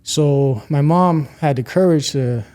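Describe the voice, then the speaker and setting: Mellow-voiced man, chatty podcast guest. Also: fairly high pitch, takes it slowly. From Rwanda. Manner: warm, chatty, many fillers and laughs. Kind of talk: casual interview chat.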